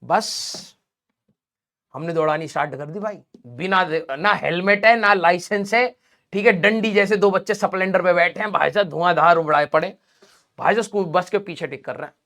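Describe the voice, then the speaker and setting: A man's voice: high voice, normal speed, bright, forceful tone. Chatty male teacher telling a story. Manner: chatty, fillers like "ठीक है" and "भाई साहब"; laughs while telling. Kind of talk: casual storytelling to students.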